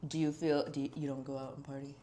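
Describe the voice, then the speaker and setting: On her casual podcast, a young female host talks fast in a deep bass voice that's warm yet flat in delivery. She's candid, curses freely and leans heavily on "like" as filler.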